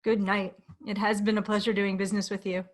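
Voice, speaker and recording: Read by a woman, a courteous salesman speaks in an even, unhurried voice with a faint menace under the politeness. The tone is measured and smooth for a read-aloud story. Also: medium pitch, close to an everyday voice. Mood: calmly sinister.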